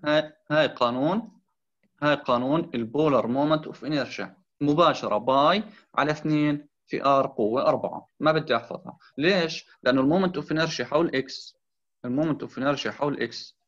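A man's voice: on the high side, fairly bright tone. A man tutoring engineering, explaining a drawing, repeating key points and mixing in English terms. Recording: slightly dull lo-fi sound.

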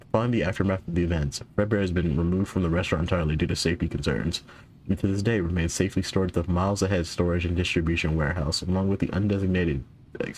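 A young gaming YouTuber with a deep, low, slightly mellow voice plays a horror game, reading in-game notes aloud with casual stumbles and self-corrections. He's losing his voice, so it sounds worn and giving out, and a faint hiss runs beneath the recording.

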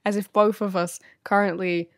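A woman's voice: medium pitch, flat delivery, moderate pace, dry recording, studio quality. A woman co-hosting a podcast in casual chat, teasing and laughing often. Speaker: podcast co-host.

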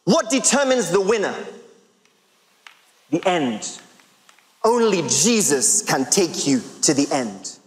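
A man in his thirties preaching a sermon to a large congregation, emphatic and full of rhetorical questions with drawn-out pauses. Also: high-pitched. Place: large church hall with congregation. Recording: long reverb of a big hall.

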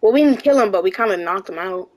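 A woman's voice: mid-range voice, expressive, fast talker, a loud crowd, rough recording. A woman roleplaying an outlaw parent in a western game, talking casually with many fillers. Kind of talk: in-character game roleplay chat.

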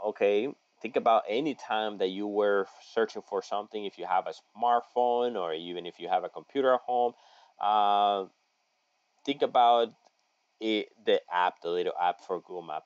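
Deep-voiced man giving a halting screen-share lesson. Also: dry recording. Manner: halting, many fillers and restarts, folksy asides. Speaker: local online marketing consultant. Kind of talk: screen-share tutorial, reading an article aloud with commentary. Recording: dry, slightly dull audio.

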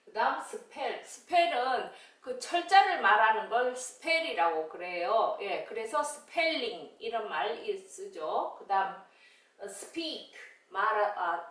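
A woman teaching children English phonics, sounding out letters slowly and cheerfully. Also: on the high side, fairly bright tone, very echoey, far from the mic. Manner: slow, drawn-out sounding of letters, cheerful greetings.

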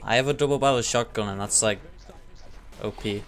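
A man playing an online game with friends, giggling and excitable, talking into a headset. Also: on the low side, fairly quick, faint music behind. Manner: giggly, excitable, frequent laughter. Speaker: gamer. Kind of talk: casual gaming chat.

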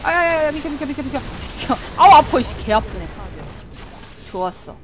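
A woman streaming a game live, excitable, often shouting and laughing and answering her chat. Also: high voice, moderate pace, noisy background. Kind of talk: live gameplay commentary. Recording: game music playing clearly behind. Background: game music.

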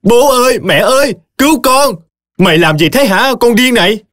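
A man's voice: extremely high pitch, lively intonation, moderate pace, a bit bright, dry recording, clean studio sound, pitched above the performer's own voice. A man voicing a spoiled young woman screaming for help in an audio story. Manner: screaming, panicked.

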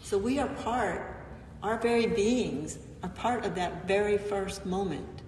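A woman pastor giving a gentle, reflective sermon with frequent pauses, recorded in a church sanctuary from a distant mic. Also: medium pitch, a little hiss or hum. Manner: gentle, reflective, pausing often. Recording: echoey church, mic far off.

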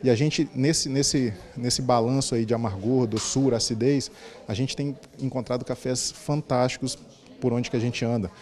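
A man from Espírito Santo speaks into a handheld mic in an indoor room, repeating words as he thinks. His voice is warm and mellow, in a middle pitch. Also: steady tone, moderate pace. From Espírito Santo, Brazil. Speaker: coffee taster. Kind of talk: interview answer. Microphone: handheld reporter mic.

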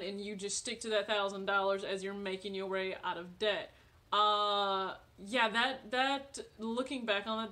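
A woman's voice: mid-range voice, a bit bright. A woman in her late twenties chatting casually to camera from her living room, friendly and talkative with frequent laughs and fillers. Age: 20s. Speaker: vlogger.

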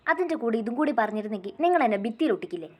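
A woman voicing a feisty young woman who speaks quickly with mock indignation. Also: on the high side, very animated. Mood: mock-indignant.

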